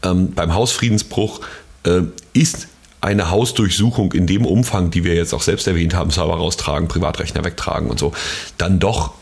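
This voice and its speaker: A man with a deep, low voice talks through legal details on a podcast. His delivery is casual and explanatory, and he often tags his points with a quick question to his co-host. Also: steady tone, vocal fry, a little mellow. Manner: conversational, explanatory, frequent "ne?" tags.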